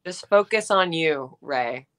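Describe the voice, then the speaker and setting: A woman's voice: low-pitched, expressive, slow, fairly bright tone. A woman chatting on a podcast, teasing and scolding her co-host jokingly. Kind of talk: casual podcast chat.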